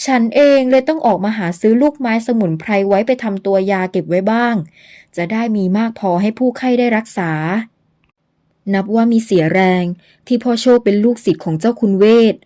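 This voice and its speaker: An earnest, worried young male herbal doctor in an audio novel speaks in a measured, gently pleading way, voiced by a woman narrator. His voice is mellow and warm. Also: on the high side, natural voice.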